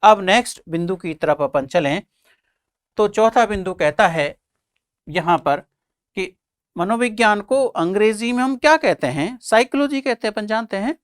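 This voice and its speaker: During an exam-prep lecture, a man keeps asking and answering his own questions, repeats the main points, and addresses his audience as friends and children. His high-sitting voice is expressive, clear, and resonant at a moderate pace, recorded dry in studio quality.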